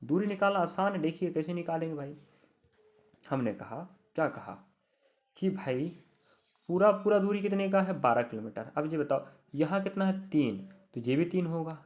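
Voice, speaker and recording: A man's voice: on the high side, lively intonation, moderate pace, darkish tone. A young adult man teaching a reasoning lesson for exam students, talking to them directly, repeating key words and reassuring them.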